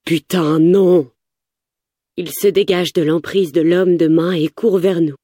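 A woman's voice: fairly low pitch, fairly even intonation, moderate pace, dark tone, no echo, clean studio sound. A woman narrating a first-person story with tense, urgent delivery.

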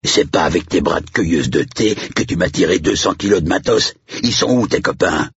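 A man's voice: deep voice, animated, normal speed, slightly rough, dry recording, voice pushed up, heavily acted. A man voicing a blunt, slangy rural estate caretaker who swings from threatening to jovial. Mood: suspicious. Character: gruff rural male estate caretaker, jumpy then jovial. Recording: dull lo-fi recording.

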